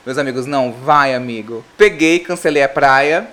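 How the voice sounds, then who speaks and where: A woman's voice: very deep voice, moderate pace, a bit bright. A Brazilian woman in casual chat, telling a wry story and acting out the dialogue. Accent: Brazilian Portuguese.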